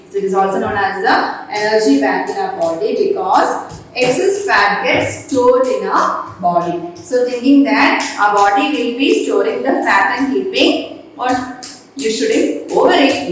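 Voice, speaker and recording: A woman's voice: medium pitch, a little hiss or hum. A woman teaching a class at a board, repeating her points and quizzing the students. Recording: echoey room voice from far off.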